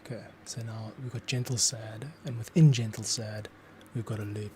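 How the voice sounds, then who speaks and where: His voice sits on the low side, mellow, with fairly even intonation and a moderate pace, and there's slight background noise. The man is a composer explaining his scoring approach in real time, thinking out loud in a tutorial style.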